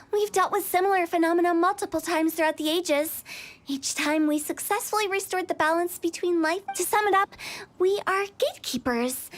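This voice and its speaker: Teasing, high-pitched young prankster director. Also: female voice, slight background noise. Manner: teasing, gleeful prank reveal. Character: playful, quirky young female funeral parlor director. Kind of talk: video game voice acting.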